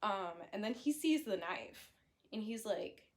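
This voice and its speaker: A woman's voice: mid-range voice, animated, a little slow. A young woman casually recapping a horror story, chatty and blunt, with fillers, self-corrections and the odd swear. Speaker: book reviewer.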